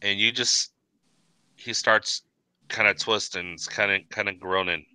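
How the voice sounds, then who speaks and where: A man narrates a tabletop game as its game master, his voice bright and cutting. His delivery is smooth and crisp. He repeats words as he sets each scene. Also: on the low side, fairly even intonation, unhurried, dry recording.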